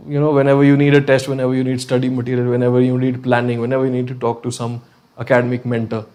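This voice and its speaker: A man's voice: medium pitch, a little mellow. A man with a North Indian accent teaching a live online class conversationally, often checking in with short questions and slipping Hindi phrases into his English.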